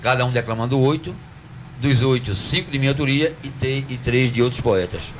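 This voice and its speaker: A man from Northeast Brazil with a Northeastern accent, a cordel poet answering interview questions in a radio studio, earnest and teacherly, slowing down to stress syllables. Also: mid-range voice, noisy background. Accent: Northeastern Brazilian Portuguese. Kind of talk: radio interview, explaining at length.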